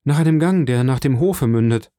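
A man's voice: medium pitch, moderate pace, dark tone, no room sound, pitched above the performer's own voice, lightly acted. A man voicing a desperate young male prisoner who speaks in a pleading, fervent way. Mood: eager.

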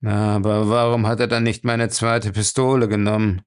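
A man's voice: on the low side, little pitch movement, normal speed, clear, resonant tone, natural voice. A man voicing a whiny, defiant and cowardly man in an audiobook, sulky and complaining. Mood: sulky whining.

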